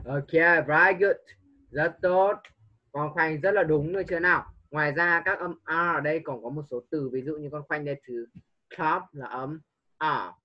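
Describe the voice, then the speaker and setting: A man's voice: fairly high pitch, normal speed. Patient male tutor on a dull line. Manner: patient, coaxing, mixes English prompts into teaching. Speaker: English tutor. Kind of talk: online one-on-one tutoring.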